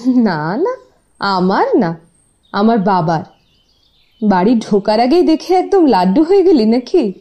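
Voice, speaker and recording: A woman's voice: medium pitch, big pitch swings, slow pace, pauses often, warm tone. A woman playing a playful, bossy young college student in an audio drama, teasing her friend. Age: young adult.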